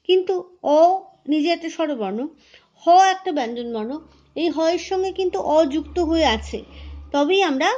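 A woman teacher talks her pupils patiently through a lesson, her voice high-pitched. She often stops to correct herself. The recording sounds a little dull and lo-fi. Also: a little mellow. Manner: patient, explanatory, self-correcting. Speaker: school teacher.

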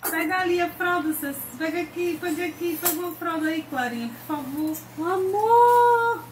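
Her voice is very high and a little fast, with fairly even intonation, as she coaxes her baby in sing-song baby talk. The clip was filmed at home from across the bedroom by another person holding the camera, leaving an echoey, far-off sound with background noise.

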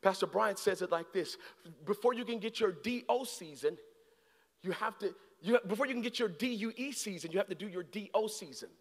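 A man in his thirties preaching a sermon on a large church stage with a handheld mic, swinging from hushed, slow lines to shouted peaks. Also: high-pitched, animated. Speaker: guest preacher. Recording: long hall reverb.

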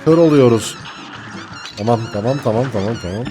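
A young man commentating his gameplay, excitable and jokey, swinging from mock panic to laughter. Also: mid-range voice, brisk, over music. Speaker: gaming YouTuber.

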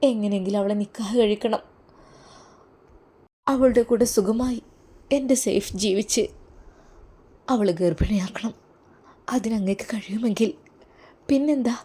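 A woman voicing an anxious wife who presses her husband with urgent, high-pitched questions. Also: unhurried, pauses often, dark tone, slightly rough. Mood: urgent, pleading. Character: anxious eager wife, pleading and insistent.

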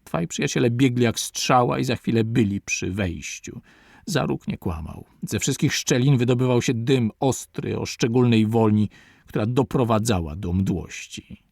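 Sex: man. Role: audiobook narrator. Style: measured reading of a classic adventure novel. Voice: gravelly, mid-pitched. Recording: dry, close. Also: lively intonation, a little mellow, no room sound.

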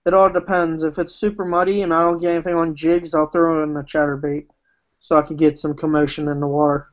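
A man's voice: on the high side, flat delivery, a little fast. A young man hosting a casual livestream chat, chatty and rambling with lots of fillers, heard over a video call. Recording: muffled video call audio.

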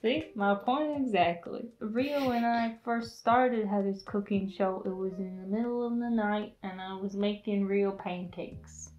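A woman's voice: mid-range voice, a little slow, hardly any pauses, lo-fi sound, faint music behind. Giggly young woman chatting in an echoey room. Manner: chatty and giggly, full of "like" fillers. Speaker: host. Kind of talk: casual chat. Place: small indoor room with a decorated table.

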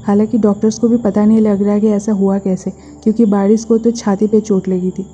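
A woman narrating a brisk plot recap of a drama episode, reading the characters' quoted lines in a plain voice. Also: mid-range voice, level tone, warm tone, slightly rough, faint music behind. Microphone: voice-over. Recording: dull lo-fi voice-over.

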